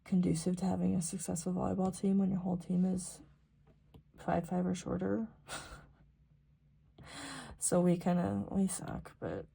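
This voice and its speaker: A young American woman from rural South Dakota, a planner vlogger, chats casually and ramblingly while working on her planner, sometimes murmuring to herself in an informal, self-deprecating way. Her voice is fairly low and mellow, slightly rough with vocal fry, delivered in a level tone at a moderate pace with frequent pauses.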